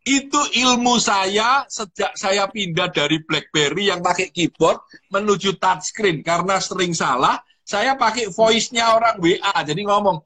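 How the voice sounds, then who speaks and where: Guy hosting an online chat, high bright voice, kinda husky, tells little stories. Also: a little slow. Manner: relaxed, anecdotal, acts out little dialogues. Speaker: host. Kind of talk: instructional live chat. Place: online video call.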